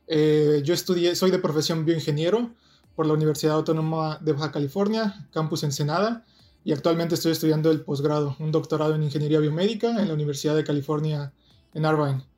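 A young man from Mexico with a Mexican Spanish accent, a guest in an interview, explaining things step by step in a measured way. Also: a little high, a little mellow. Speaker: guest, doctoral researcher.

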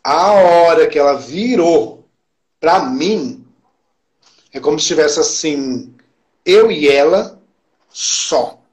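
A man with a Brazilian Portuguese accent, a podcast guest telling an emotional story in casual chat, emphatic and animated, acting out quoted dialogue. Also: a little high, slow pace, pauses often.

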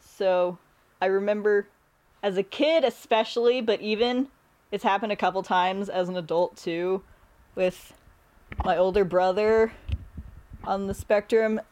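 A woman guest in a casual podcast chat, speaking thoughtfully with soft laughs. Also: mid-range voice, a little slow, pauses often.

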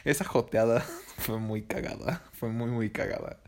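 A man's voice: medium pitch, fairly even intonation, a little slow, a little mellow. A young man with a Mexican accent telling a personal story in a casual, slangy, profane and rambling way.

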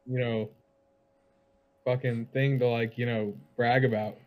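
Halting young man, middling pitch. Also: level tone, dull audio. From Arkansas. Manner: halting, filler-heavy. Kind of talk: casual group chat.

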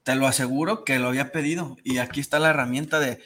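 A man's voice: medium pitch, fairly even intonation, quick pace, a bit bright. A man, speaking earnestly in a casual faith discussion.

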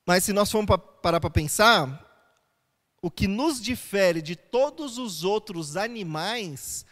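A male pastor with a notably high voice teaches in a relaxed, conversational way, often asking the room rhetorical questions. His words hang in a long church reverb. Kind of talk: sermon.

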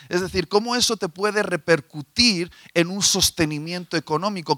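A man's voice: sits high, fairly bright tone, no room sound. A man preaching a sermon, asking his listeners questions and telling a fable. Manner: asks the audience questions, tells a fable.

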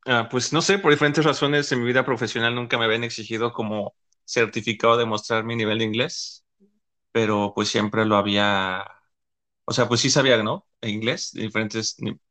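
A podcast host talks casually, rambling through his points with lots of filler words. He is a man with a bright, forceful voice at a middle pitch. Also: steady tone, normal speed.

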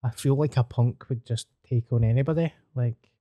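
A man's voice: medium pitch, moderate pace, warm tone, dry recording. A man with a Glasgow street accent, chatting casually with plenty of slang and swearing. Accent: Glaswegian. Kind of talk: casual chat.

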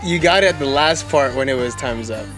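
A woman with a very low voice teases her friend in a casual lyrics guessing game. She laughs often and corrects her firmly. Music plays clearly behind her. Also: brisk.

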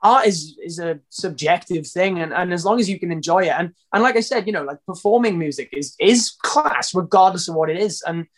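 A Welsh singer with a notably high-pitched voice chats casually in an interview, keeping it loose and informal. He rambles, restarts sentences and relies on fillers, talking a little fast with few pauses.

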